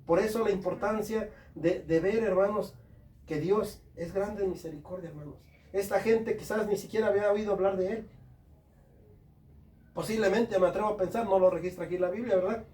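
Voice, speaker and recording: A man preaches a fervent sermon, repeatedly calling out to his brothers. His voice sits a little high yet dark and mellow. He is heard from a distance in an echoey room with faint ambience behind. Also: a little fast. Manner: fervent, addresses listeners as brothers. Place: home service room.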